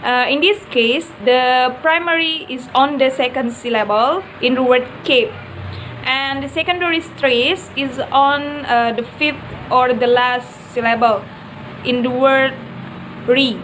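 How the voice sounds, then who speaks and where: High-voiced student woman, slow and halting. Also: a bit bright, slight background noise, low-quality recording. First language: Indonesian. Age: young adult. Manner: hesitant, many "uh" fillers. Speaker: student presenter. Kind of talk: class video presentation.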